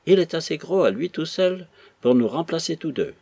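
A man reading aloud and voicing an older, jovial father who mocks his son in a loud, teasing way. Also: a little high, big pitch swings, normal speed, husky, dry recording, pitched above the performer's own voice, heavily acted. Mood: mocking.

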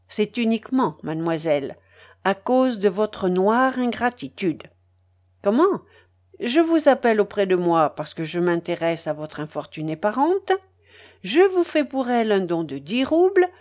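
A woman doing a pompous lecturing businessman. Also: a little high. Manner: smug, lecturing, falsely gentle. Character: pompous, sanctimonious middle-aged male businessman.

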